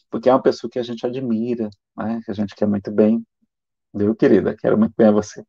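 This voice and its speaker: A man with a Brazilian Portuguese accent giving a live spiritist lecture, conversational and animated, acting out little dialogues and tagging on questions. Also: medium pitch, vocal fry, no room sound. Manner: animated and conversational, acts out quoted dialogue, frequent tag questions. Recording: dull, lo-fi, dry live-stream audio.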